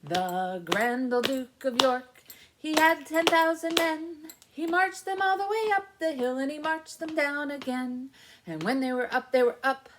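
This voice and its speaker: A high-pitched woman with a sing-song, slightly slow delivery presents a library story time for children, with rhymes and songs. She's in a small indoor room with an alphabet backdrop, and there's faint background noise.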